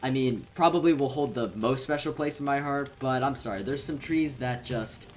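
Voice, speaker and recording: A man's voice: mid-range voice, normal speed, faint music behind. Rambling, swearing young-sounding man. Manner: rambling, filler-heavy, profane and playful. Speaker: gaming YouTuber. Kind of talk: casual ranking commentary.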